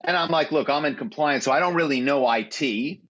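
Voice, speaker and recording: He speaks a little fast in a somewhat bright voice on the high side. As an interview guest and former corporate spy, he explains in conversation how people are tricked over the phone into giving away information, and he backs it up with stories of actual calls.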